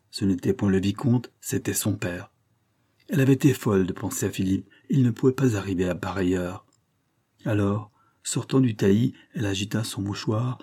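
A man reading a classic novel aloud as an audiobook narrator, in a steady, measured way. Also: fairly low pitch, husky. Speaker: audiobook reader. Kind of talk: scripted literary narration.

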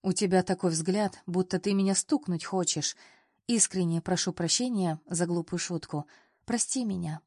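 A woman reading the part of a teasing, easygoing young male boss in an audiobook, playful and then softly apologetic. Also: lowish voice, normal speed, no echo, clean studio sound, lightly acted. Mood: mild.

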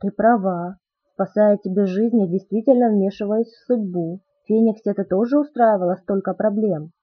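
A woman's voice: mid-range voice, normal speed, slightly rough, natural voice. A woman reading the lines of a brooding young male vampire, speaking in a muffled but insistent way. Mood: earnest. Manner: muffled, insistent, softly spoken. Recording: tinny phone-like audio.

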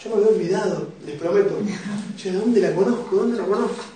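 A man's voice: high voice, fairly quick, warm tone. A young man with a Rioplatense Argentine accent, preaching to a youth group with jokes, personal stories and questions to the audience. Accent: Rioplatense Argentine Spanish. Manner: joking, emotional storytelling, asks the audience questions. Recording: very echoey room, voice picked up from a distance.

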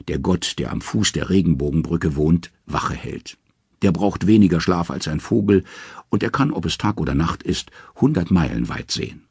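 Deep, husky male audiobook narrator. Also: dry recording, clean studio sound. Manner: expressive, dramatic storytelling. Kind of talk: scripted storytelling narration.

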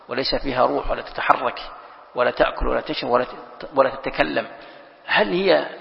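A man's voice: fairly high pitch, creaky. A man, a sheikh teaching Quran exegesis to a class, explaining patiently, repeating key phrases and quizzing his students. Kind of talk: classroom lecture. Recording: lo-fi lecture recording with long hall reverb.

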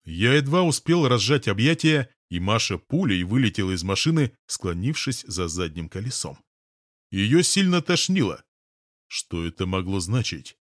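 Male narrator, low voice, steady first-person audiobook read, dry studio sound. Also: normal speed, dry recording.

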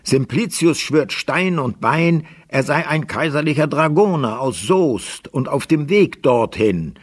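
A man's voice: on the high side, animated, unhurried, breathy edge. A man narrating a German literary radio play as a scripted storyteller.

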